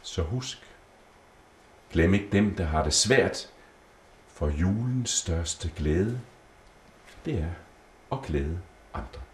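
Deep-voiced man reading a Christmas story. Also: long pauses, slight background noise. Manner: gentle, lively storybook reading. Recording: roomy echo.

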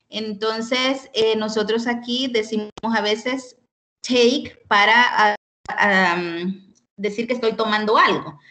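A woman teaching an online English lesson, explaining slowly and patiently and often checking in with "ok?". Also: on the high side, fairly bright tone. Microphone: computer mic on a video call.

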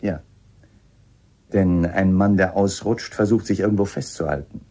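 In a radio drama, a man plays a shrewd, polite police inspector, his low, mellow voice at normal speed. He questions in a probing, firm, matter-of-fact way, with a slight hesitancy.

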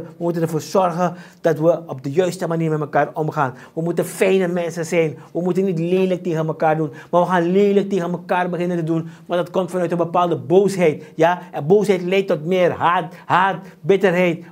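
A man's voice: high voice, darkish tone. A man with a Surinamese Dutch accent preaching a sermon, emphatic and repeating his points, mixing in Sranan and English phrases.

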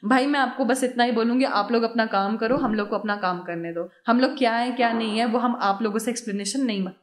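A woman's voice: fairly high pitch, fast, reverberant. A young woman, a journalist and influencer talking as an interview guest in an emphatic, defiant way. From Kashmir. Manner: emphatic, defiant, often laughing. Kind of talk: casual interview talk.

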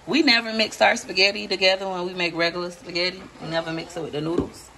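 A cooking vlogger speaks fast and flat in a lowish, sharp-toned voice, with slight background noise. She's making a casual home cooking video in her kitchen, stirring a pot and chatting folksily with viewers as [name].

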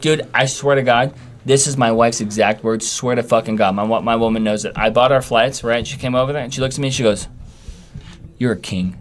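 A man's voice: mid-range voice, steady tone, fast talker. A young man, a podcast guest, telling stories in casual chat with a hyped, emphatic, swearing manner.

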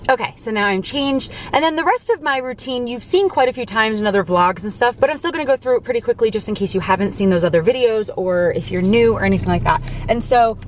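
A woman's voice: fairly high pitch, expressive, quick pace, hardly any pauses, a little hiss or hum. A young woman vlogging to a dashboard camera inside her parked car, chatting and rambling as she explains each step. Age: young adult. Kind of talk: casual vlog talk to camera.

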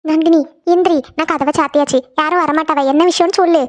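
A woman's voice: sits high, steady tone, quick pace, noisy background, lightly acted. A woman voicing a caring young woman who coaxes her crying friend with repeated questions in a cartoon. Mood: coaxing. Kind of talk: cartoon voice acting.

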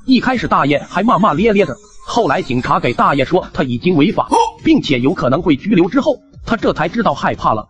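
A man's voice: fairly high pitch, very animated, fairly quick, hardly any pauses, a bit bright. Wry young man narrating a cartoon. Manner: chatty and wry. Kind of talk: comic storytelling narration.

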